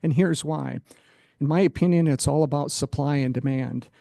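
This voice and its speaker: A man testifies before a commission in a slightly raised, gravelly voice with a dark tone. He states his views plainly, with an occasional filler. The sound is dry and close. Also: a little high, moderate pace, no echo. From Montana. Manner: direct, opinionated, some fillers. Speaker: executive director of an economic development group. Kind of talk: formal public testimony.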